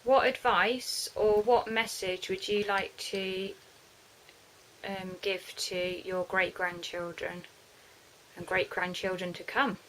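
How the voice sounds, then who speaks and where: A woman interviewing her grandmother, asking gentle, prompting questions. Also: mid-range voice, level tone, takes it slowly, a little hiss or hum, poor audio. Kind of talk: casual family interview.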